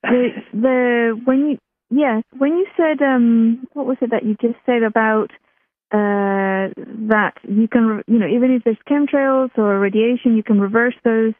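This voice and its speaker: Over a tinny, dry telephone line with no echo, a Chilean woman tells a personal story as a guest in a casual interview. Her voice is a little high and steady at a measured pace, and she chats along, often restarting her sentences.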